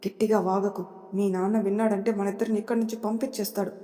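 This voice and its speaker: A woman voicing a sharp-tongued middle-aged mother and aunt who nags and scolds. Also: medium pitch, level tone, fast, in a large hall, soft background music, lightly acted. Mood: scolding. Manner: scolding, nagging.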